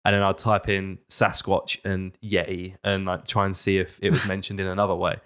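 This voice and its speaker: A man's voice: deep voice, level tone, moderate pace, a bit bright, smooth. A man with a British accent casually hosting a quiz among friends on a podcast.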